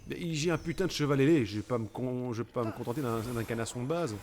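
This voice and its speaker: A man's voice: medium pitch, quick pace, darkish tone. A man casually commenting on his gameplay, chatty and sweary, full of joking asides. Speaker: let's play gamer.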